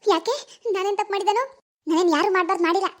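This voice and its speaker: Cartoon daughter, young village girl, played by a woman, whiny and very high, quick pleading. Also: fairly even intonation. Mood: defiant. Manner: pleading, whining.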